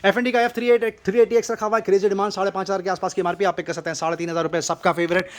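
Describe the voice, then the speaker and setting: An Indian man with a high voice presents shop deals at an extremely fast pace. His delivery is an overeager teleshopping pitch, insistent and repetitive, rattling through items and prices. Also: flat delivery. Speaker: shop presenter selling discounted goods. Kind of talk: rapid-fire teleshopping sales pitch.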